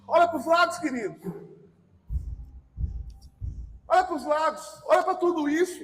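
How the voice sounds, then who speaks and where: A Brazilian man preaching a sermon in a church, fervently shouting and leading the congregation in repeated declarations. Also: extremely high pitch, lively intonation, a little slow, rough recording. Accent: Brazilian Portuguese. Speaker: pastor. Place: large church sanctuary.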